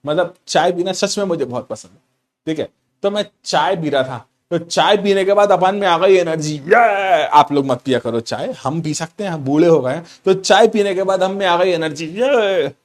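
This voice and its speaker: A middle-aged man teaches physics online with a slightly high voice. He is playful and repeats each key point, calling his students his children. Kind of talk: online class lecture.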